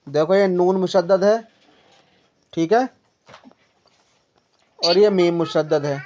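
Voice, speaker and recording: This Quran reading teacher has a fairly low, mellow voice and gives a patient one-on-one tajweed lesson, heard in a dull lo-fi recording. She explains things repeatedly, asks questions, and draws syllables out as demonstrations.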